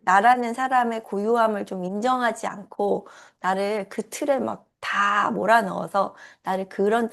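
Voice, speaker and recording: A woman coach giving a gentle, reassuring talk in a casual style. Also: mid-range voice, vocal fry.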